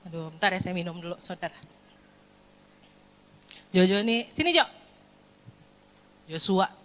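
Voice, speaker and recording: A woman preaching a lively sermon to a congregation, acting out scolding and comforting parents. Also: on the low side, unhurried. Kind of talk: sermon with acted parent role-play. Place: church hall. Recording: long hall reverb.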